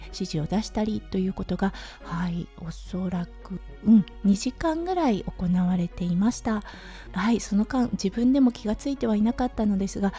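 A woman with a hoarse, slightly raspy voice from overuse, chatting through a casual solo audio diary as a host. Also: mid-range voice, mellow. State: hoarse from overuse, sore throat. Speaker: podcast host, anaesthetic nurse. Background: background music.

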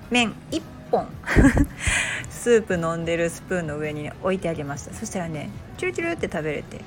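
A woman, a mother hosting a casual spoken monologue, telling a lively story with laughs and acted-out quotes. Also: on the low side, moderate pace, music in the background. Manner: chatty, animated storytelling with quoted voices and laughs. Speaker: podcast host, mother.

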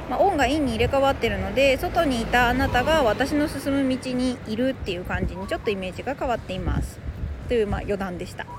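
A native Japanese-speaking woman hosts an English phrase lesson podcast, explaining things conversationally and talking directly to listeners. Her voice is a little high and fast, with a noisy background.

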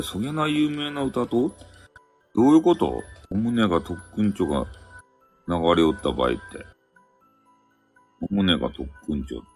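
A man speaking with a Hakata accent, chatting and joking loosely as a live-stream host, his throat slightly sore. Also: low voice. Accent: Hakata dialect. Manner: chatty, joking, drifting between topics. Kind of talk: casual chat. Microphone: phone app stream mic.

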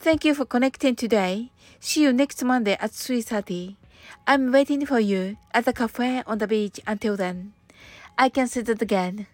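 A woman hosting a relaxed radio show, speaking politely and gently, slowing down for careful English phrases. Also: fairly high pitch, no echo. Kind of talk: relaxed scripted radio talk with English lessons.

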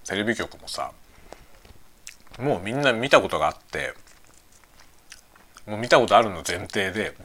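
A man's voice: on the low side, animated, moderate pace, pauses often, a bit bright. A man in his forties rambling casually and musing aloud as he eats bread, often seeking the listener's agreement, chewing while talking. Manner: chatting while eating bread, mouth sometimes busy chewing. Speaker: streamer.

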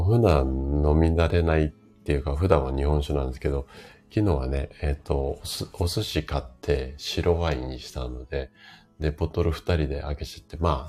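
A man in his fifties with a rough, hoarse voice, chatting casually as host of a live stream and explaining things to his listeners. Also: very deep voice, mellow. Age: 50s. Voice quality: gravelly, rough voice from drinking the night before.

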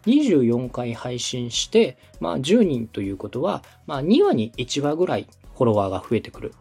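In a consulting-style talk, a podcast host, coach and radio director from Osaka, Japan, lays things out step by step with a polite, teaching manner. His mid-range voice is very animated and moderately paced, darkish and husky with vocal fry, and soft music plays behind him.

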